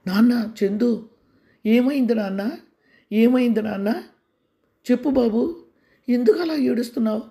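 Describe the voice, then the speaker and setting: A man's voice: on the high side, steady tone, moderate pace, creaky, long pauses, dark tone. A man voicing an anxious father who coaxes and presses his sick son, urgent and raised.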